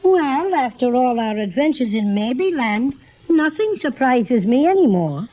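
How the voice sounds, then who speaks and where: Squeaky, high Cinnamon Bear. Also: male voice, sing-song, unhurried, exaggerated voice. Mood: cheerful, unbothered. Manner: folksy exclamations, mock-indignant. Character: small cartoon teddy bear, cocky, good-natured little pal. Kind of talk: 1930s children's radio serial acting. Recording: dull lo-fi 1930s radio transcription.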